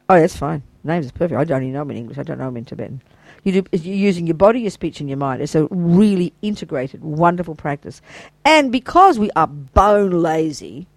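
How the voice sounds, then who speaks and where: An older Buddhist teacher giving an informal, chatty dharma talk to a small group, enthusiastic and quick with praise and asides. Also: medium pitch, no echo, low-quality recording.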